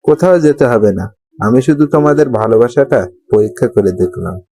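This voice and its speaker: A woman's voice: a bass voice, lively intonation, normal speed, warm tone, pitched below the performer's own voice. A woman voicing an older man, the heroine's stern but loving father, in an audio drama. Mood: pleading. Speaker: voice actor.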